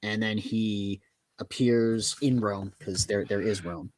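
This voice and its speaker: A man's voice: fairly low pitch, fairly even intonation, takes it slowly, a little mellow, a little hiss or hum. A man in casual chat, animatedly retelling a comic book's plot on a video call. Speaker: co-host of a comic book show.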